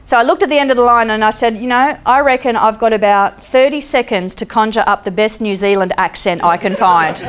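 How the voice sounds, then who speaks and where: An Australian woman telling a story on stage, lively and acting out the voices of the people in it. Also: on the high side, brisk, hardly any pauses, clean tone. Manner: lively, acts out voices and laughs at her own jokes. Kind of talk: live storytelling talk. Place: stage before an audience.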